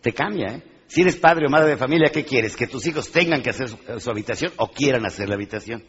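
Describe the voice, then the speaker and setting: Male motivational speaker, husky, animated and quizzing the crowd; live in a dull-sounding echoing hall. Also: mid-range voice, fast talker. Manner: animated, asks the crowd questions, acts out little scenes. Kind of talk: live motivational talk to an audience.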